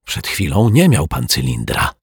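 A man's voice: a bass voice, wildly swooping pitch, measured pace, husky, no room sound, clean studio sound, heavily acted. A man voicing a timid but stubborn male detective in a storybook reading. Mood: scared.

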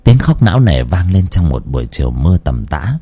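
A man's voice: deep voice, very animated, brisk, warm tone, breathy edge. A man narrating a horror story dramatically.

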